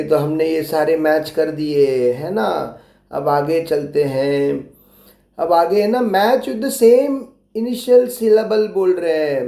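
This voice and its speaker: Patiently spelling out letters and repeating prompts, a man walks young children through a workbook lesson. His voice is high-pitched, gravelly and a little mellow, and the recording echoes roomily.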